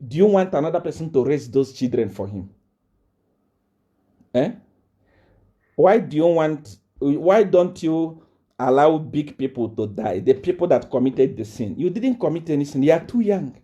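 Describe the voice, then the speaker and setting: A man delivers a live-streamed rant, swinging his pitch widely up and down. His tone is dark and mellow as he boasts, threatens and repeats himself over and over. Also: lively intonation, normal speed, muffled recording. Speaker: self-styled prophet addressing viewers. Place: South Africa.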